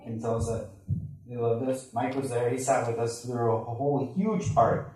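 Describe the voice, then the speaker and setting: A man's voice: mid-range voice, fairly even intonation, moderate pace, warm tone. A man, a pastor, earnestly telling a personal story during a sermon in a conversational way. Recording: echoey room, mic at a distance.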